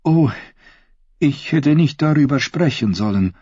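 A man doing a coy young noblewoman, high-pitched. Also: expressive, a little slow, a little mellow, husky, no room sound. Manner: coy, playful, bashful. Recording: dull, dry recording.

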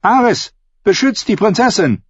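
Desperate young noblewoman, shrill high cries, read by a husky-voiced man, slightly dull recording. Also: unhurried, dark tone, no echo. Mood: urgent. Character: young woman, desperate princess.

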